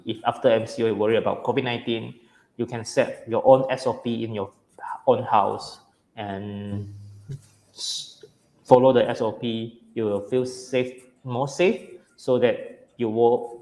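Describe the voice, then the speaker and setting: A man, speaking as a webinar guest over a video call that breaks up, answering viewer questions in a halting, hesitant way. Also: medium pitch, steady tone, vocal fry, mellow. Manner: halting and hesitant, with slow restarts. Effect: voice heard over a video call that breaks up. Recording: roomy echo over an online call.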